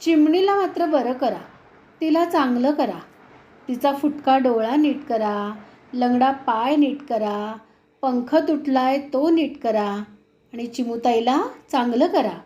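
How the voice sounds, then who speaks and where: A woman's voice: high voice, takes it slowly. A woman voicing a kind, generous rooster in a storybook tale, who speaks in a reassuring way. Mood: humble. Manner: warm-hearted, reassuring. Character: kind big-brother rooster, generous and caring.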